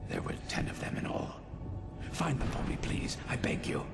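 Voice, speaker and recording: An actor voicing a pompous, aggrieved scholar's ghost in a video game, speaking in a theatrical, self-important way. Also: male voice, normal speed, close to an everyday voice. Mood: pleading. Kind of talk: video game character dialogue. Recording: game music behind.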